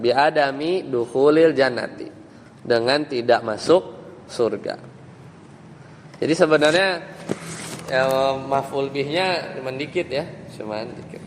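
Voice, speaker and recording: A male religious teacher giving a classroom lesson, quizzing students on grammar with quick questions. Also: a little high, in a large hall, a little hiss or hum, low-quality recording. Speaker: Islamic teacher.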